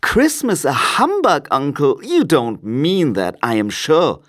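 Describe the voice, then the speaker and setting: Man playing an eager, high-pitched cheerful young nephew. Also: very animated, slow, exaggerated voice. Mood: coaxing. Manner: bright, exclamatory, eager. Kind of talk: dramatised storybook reading.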